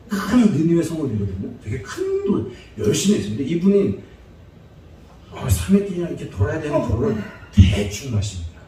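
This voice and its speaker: A man's voice: mid-range voice, warm tone, slight background noise. Joking man preaching in an echoey hall. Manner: joking, chatty storytelling with frequent laughter. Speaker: evangelist preacher. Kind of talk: humorous sermon lecture. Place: church sanctuary. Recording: echoey church hall, distant mic.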